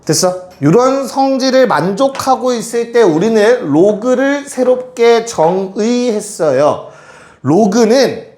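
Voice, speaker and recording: A man's voice: high-pitched, darkish tone. A man teaching a math class to students, often stopping to check that they understand. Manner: addresses students directly, keeps checking they follow. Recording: echoey classroom with faint noise.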